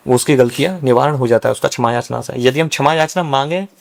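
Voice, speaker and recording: Speaking fast in a medium-pitched, creaky voice, this young man is a Brahmin priest guesting on a laid-back podcast. He goes into long, earnest explanations.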